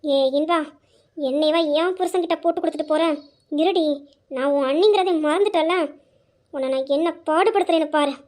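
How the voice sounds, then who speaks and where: A woman's voice: fairly quick, darkish tone. A woman voicing a quarrelsome, scheming young wife who accuses and threatens in an amateur audio drama. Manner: shrill, accusing.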